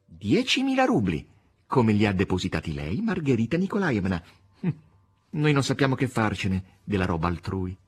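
Male reader doing a sly, fussy devil's assistant, theatrical and husky. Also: huge pitch swings, moderate pace, full character voice. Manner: theatrical, swinging from low to high.

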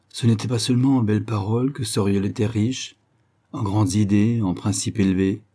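Man with a dark, husky reading voice. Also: on the low side. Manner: measured, storytelling. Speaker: audiobook narrator. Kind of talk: scripted audiobook narration.

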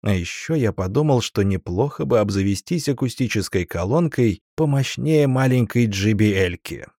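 Low mellow guy reading a first-person novel, dry close mic. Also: animated, normal speed, dry recording. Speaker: audiobook narrator.

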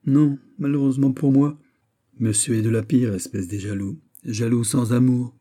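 A man's voice: mid-range voice, steady tone, normal speed, warm tone, natural voice. A man reading an audiobook, voicing a proud, wounded young royal lady who protests in a plaintive, reproachful way. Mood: indignant.

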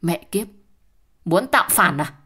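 A woman voicing a brutal, foul-mouthed husband who shouts insults in an audio story. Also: on the low side, expressive, measured pace, husky, heavily acted. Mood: angry shouting.

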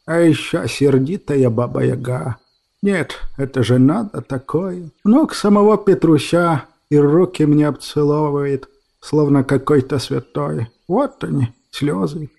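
A soft, tender old woman, as a male storyteller puts her on, her voice raised a little and hushed. She talks fondly and tearfully in a mellow, warm tone, like a grandmother in a storybook. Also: on the high side, takes it slowly. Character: old woman, emotional, gruff yet tender.

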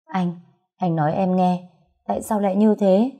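A woman's voice: medium pitch, normal speed, dark tone, slightly rough, natural voice. A woman voicing a grief-stricken young pregnant woman who pleads through sobs. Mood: grieving, pleading. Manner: sobbing, pleading.

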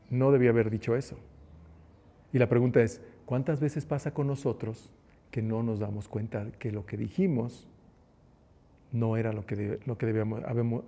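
A man's voice: mid-range voice, mellow. A man preaching a conversational sermon who acts out the quotes he tells. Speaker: preacher and teacher.

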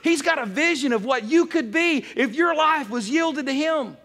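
High-voiced pastor. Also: male voice, lively intonation, normal speed, a bit bright. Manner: conversational, storytelling with humor. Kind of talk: sermon.

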